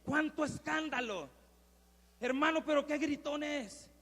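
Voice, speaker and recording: A preacher putting on a fussy, irritable churchgoer who mutters complaints in a high, gravelly voice. A long hall reverb hangs on the words. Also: male voice, measured pace, exaggerated voice. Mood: irritated. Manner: grumbling softly.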